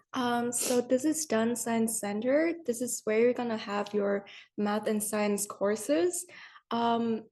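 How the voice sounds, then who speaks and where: A young woman from Vietnam talks through a campus tour, pausing often on fillers. Her voice sits a little high with a mellow, warm tone. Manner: hesitant, many "um" and "like". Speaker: student tour guide. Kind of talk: informal campus tour narration.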